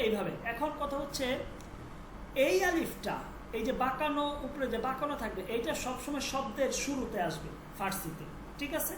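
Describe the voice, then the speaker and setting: Brief: high female teacher voice, patient, repeats and checks, roomy echo, faint hiss. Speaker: Persian language teacher. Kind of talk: online class lesson.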